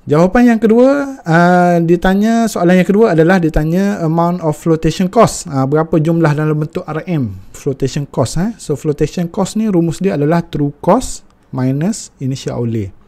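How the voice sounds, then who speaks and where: Mellow-voiced Malaysian man tutoring. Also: fairly high pitch, moderate pace. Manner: mixes Malay and English, many fillers. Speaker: finance tutor. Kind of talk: step-by-step tutorial.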